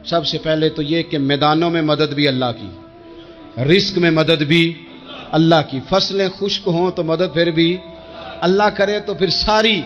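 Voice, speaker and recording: A man preaches a fervent sermon in a fairly high voice, hammering points home with repetition and verse. The recording sounds dull and muffled, with faint music running underneath. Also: fairly even intonation, a bit bright. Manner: rhetorical, repeats phrases for emphasis, recites verse. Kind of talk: impassioned sermon.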